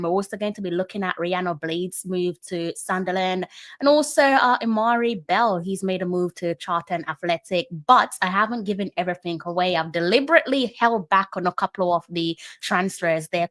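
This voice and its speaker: A woman's voice: lowish voice, fairly bright tone, no room sound. A woman presenting a live stream in a chatty, direct way, speaking straight to her viewers. Her voice sits mid-range and sounds close and dry, with no room around it.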